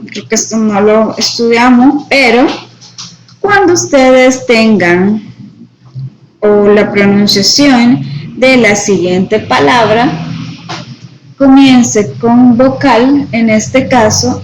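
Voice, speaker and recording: A woman teaching an English grammar lesson, explaining each example slowly in both Spanish and English and checking with her students as she goes. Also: a little high, a little hiss or hum, poor audio. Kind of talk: bilingual classroom grammar lesson.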